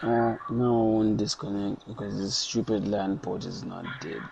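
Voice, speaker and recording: A man's voice: fairly low pitch, fairly even intonation, moderate pace, gravelly, highs cut off, background noise. A man from Nigeria chatting casually while gaming, boastful and swearing when frustrated. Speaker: gamer.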